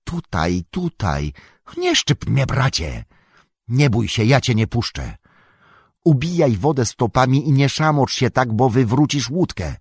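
Man reading a calm, earnest young hobbit. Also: mid-range voice, a little slow, husky, no room sound, studio quality, voice pushed up, exaggerated voice. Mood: reassuring. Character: gentle young male hobbit, resolute master. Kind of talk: audiobook character voice.

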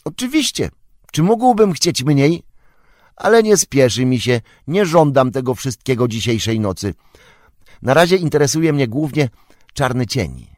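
Guy doing a curious young hobbit, high and eager, fires off questions, storybook reading, dry sound. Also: darkish tone, dry recording. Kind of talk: audiobook character reading.

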